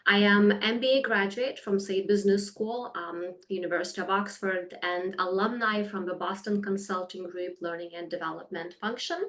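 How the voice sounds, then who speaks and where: A woman's voice: mid-range voice, steady tone, normal speed, hardly any pauses, a bit bright. Woman from Lithuania, company founder, webinar presentation, video call, earnest, frequent fillers. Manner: earnest, many fillers, slightly non-native phrasing.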